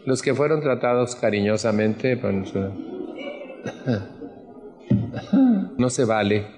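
A man's voice: medium pitch, sing-song, extremely slow, long reverb tail. A middle-aged Mexican man with a Mexican Spanish accent gives an earnest personal testimony at a support group meeting, often putting questions to the audience.

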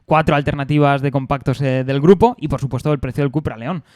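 Smooth, dry-voiced man explaining. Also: mid-range voice, steady tone, fast talker, a little mellow, no echo. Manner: explanatory, many fillers and restarts. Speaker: co-host, motorcycle expert. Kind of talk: casual studio chat.

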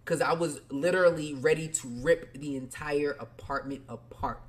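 A man's voice: on the high side, moderate pace. A man hosting a podcast, telling a personal story candidly in casual slang and speaking straight to his listeners. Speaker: podcast host.

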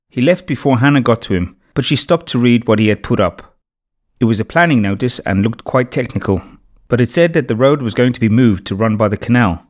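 Man narrating a children's storybook. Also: lowish voice. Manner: steady, clear storytelling.

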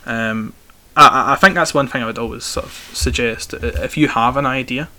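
A man's voice: mid-range voice, moderate pace, bright, forceful tone. A young man with a broad Scottish accent from Glasgow, answering interview questions in a talkative, conversational way, often repeating the starts of his phrases. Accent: strong Glaswegian. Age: young adult.

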